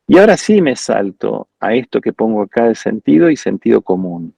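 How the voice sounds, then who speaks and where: A man's voice: mid-range voice, vocal fry, warm tone, breathy edge, no room sound. A man with an Argentine accent, a guest speaker at an architecture school, giving an informal lecture over a video call in a reflective, digressive storytelling way.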